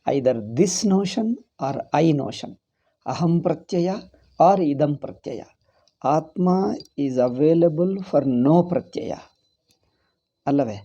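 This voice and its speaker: Husky, very mellow South Indian male teacher. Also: on the high side. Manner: deliberate, repeats phrases for emphasis. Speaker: teacher of Vedanta philosophy. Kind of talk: spoken scriptural lesson.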